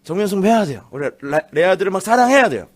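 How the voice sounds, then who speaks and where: Brief: male guest pastor, animated comic storyteller, slightly high voice, lively church sermon. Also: quick pace. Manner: animated, laughing storyteller, acts out teen voices. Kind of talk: lively sermon with acted quotes. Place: church sanctuary.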